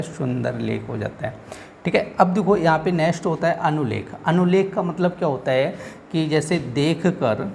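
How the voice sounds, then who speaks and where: Gravelly man teaching an exam-prep grammar lesson. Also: a little high, a little mellow, a little hiss or hum. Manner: explanatory, repeats points and checks with "ठीक है".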